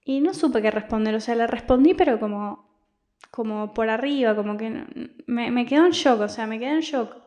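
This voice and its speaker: Here the young Argentine podcast host speaks at a normal speed, her fairly high voice carrying a darkish tone. She rambles in a confiding, personal way with frequent restarts, in an Argentine Spanish accent.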